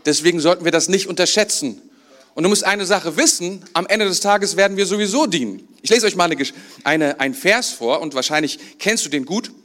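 High-voiced man preaching a sermon. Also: fairly quick, fairly bright tone. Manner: conversational, asks the congregation questions. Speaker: pastor. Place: church.

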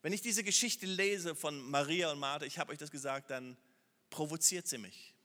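A man preaching, his voice bright and a little high, in a large hall with a long reverb tail. He swings between urgent, raised appeals to the listeners and quiet, hushed passages of prayer. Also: normal speed. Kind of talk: sermon.

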